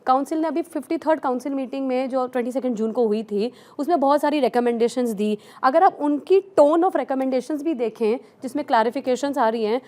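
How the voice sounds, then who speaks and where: A woman with a fairly high voice speaks as a tax expert on a news panel. She talks in an explanatory manner, working English terms into her sentences as she lays out her points. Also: darkish tone.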